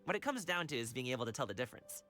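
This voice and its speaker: Gaming, a lively young dancer. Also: male voice, mid-range voice, racing. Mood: easygoing. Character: Gaming, friendly carefree young male wushu dancer. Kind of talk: video game character voice acting. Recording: game music behind the voice.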